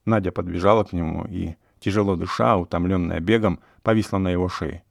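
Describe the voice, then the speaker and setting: Low gravelly guy reading a classic story aloud, dry close mic. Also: fairly even intonation, a little fast, no room sound. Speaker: narrator. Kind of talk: audiobook narration of classic prose.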